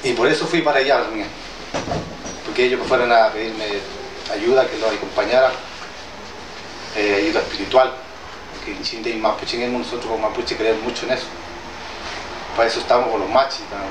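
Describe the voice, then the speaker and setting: In a noisy, roomy recording made far from the microphone, a man addresses a gathering in an indoor meeting hall. He is a traditional healer from southern Chile whose mother tongue is Mapudungun, and his fairly low voice keeps a fairly even intonation. His informal public talk is halting and hesitant, plain in wording, with many restarts.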